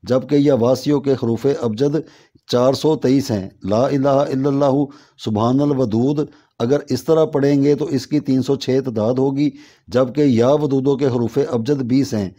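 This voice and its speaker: A man reading instructional narration aloud, steady and measured, working through long lists of numbers. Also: mid-range voice, highs cut off. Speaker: teacher of devotional recitation methods.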